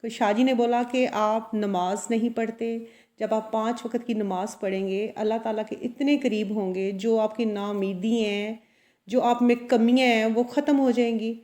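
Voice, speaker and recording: A woman's voice: a little high, steady tone, normal speed, warm tone. A woman who runs a salon and a boutique, talking earnestly and confidingly to her viewers about her own life, often checking in with them as she goes. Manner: earnest, confiding, with frequent tag questions. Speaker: vlogger. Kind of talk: personal motivational talk to camera.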